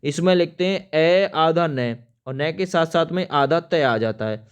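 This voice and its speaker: A teacher with a smooth, clear, slightly high voice gives an exam-prep spelling lesson at a measured pace. He spells each word out letter by letter as he writes it. He addresses viewers as friends and keeps stressing which words matter.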